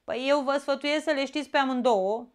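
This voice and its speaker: A woman with a Romanian accent teaching an exam-prep grammar lesson, explaining step by step and often checking in with a quick "da?". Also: high-pitched.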